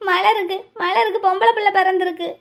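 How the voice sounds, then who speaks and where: A very high, shrill cartoon voice of a middle-aged village wife. She pleads and pushes back in a tearful, upset way. The pitch sits far above a typical woman's voice. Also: fairly even intonation, fairly quick, gravelly. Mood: pleading. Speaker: cartoon character. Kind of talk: cartoon voice acting.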